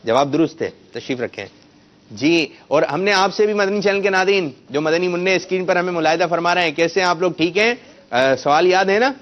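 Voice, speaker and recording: A man with a slightly high voice hosts a children's religious quiz in a TV studio, calling kids forward and drilling them on how to say each word. His voice comes through muffled and lo-fi. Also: a bit bright. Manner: coaxing and drills pronunciation. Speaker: children's quiz show host. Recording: muffled lo-fi broadcast sound.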